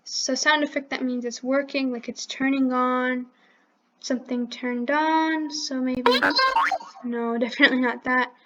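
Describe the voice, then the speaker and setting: A woman's voice: sits high, fairly even intonation, a little slow, a bit bright, dull audio, slight background noise. A woman hosting a coding tutorial who thinks aloud step by step and corrects herself as she clicks through the program. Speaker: channel host teaching coding. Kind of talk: screen-recorded coding tutorial.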